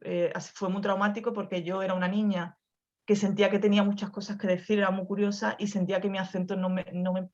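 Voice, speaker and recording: A woman with a softened Andalusian accent, speaking reflectively on a video call, with many restarts and tag questions. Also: mid-range voice, little pitch movement, quick pace, highs cut off. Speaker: guest author. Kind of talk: conversational talk over video call.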